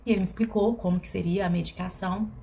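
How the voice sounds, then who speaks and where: Give me a woman with a low, warm voice, talking slowly and hesitantly in a personal vlog. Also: fairly even intonation, creaky, slight background noise. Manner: reflective and hesitant, with many fillers and restarts. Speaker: vlogger.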